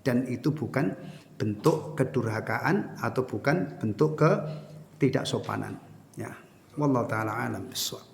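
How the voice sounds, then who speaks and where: A man's voice: medium pitch, animated, a little slow, creaky, slight background noise. A man giving an informal sermon as ustaz, talking conversationally and putting rhetorical questions to his audience. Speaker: ustaz teaching a Islamic study session. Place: prayer room after evening prayer. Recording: echoey hall with long reverb.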